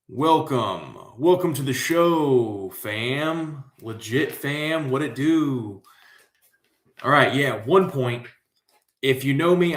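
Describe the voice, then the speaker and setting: A man's voice: medium pitch, fairly bright tone. American man, trivia host, slangy and rambling, laid-back pace, roomy echoey sound. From Central Florida, USA. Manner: slangy, hyped, rambling asides. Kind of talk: casual livestream trivia hosting. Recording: echoey room.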